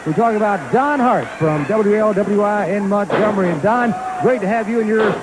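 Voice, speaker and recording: Male wrestling broadcast host, high pitch, live desk delivery over arena noise. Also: a little fast. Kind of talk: live sports broadcast hosting. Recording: noisy arena crowd behind the voice.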